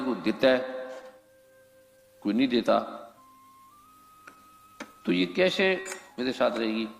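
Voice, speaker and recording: Man telling spiritual stories in an echoey hall. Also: medium pitch. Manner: rambling, searching, asks rhetorical questions. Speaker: spiritual speaker recounting his life. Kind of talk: reflective spiritual storytelling. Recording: echoey hall with faint music.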